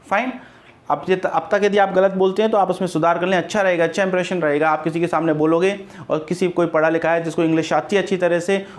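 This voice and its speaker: A man from India teaching an English grammar lesson, patient and repetitive, spelling words out letter by letter. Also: fairly high pitch.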